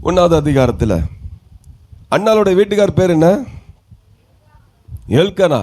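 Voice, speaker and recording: High-voiced preaching man from Tamil Nadu. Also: lively intonation, measured pace, a little mellow. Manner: preaching with questions to the congregation and calls of hallelujah. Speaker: pastor. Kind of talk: sermon.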